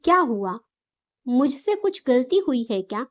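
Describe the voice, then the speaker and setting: A woman voicing a gentle young daughter-in-law in a spoken storybook, talking in a soft, pleading, respectful way. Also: high voice, very animated, unhurried.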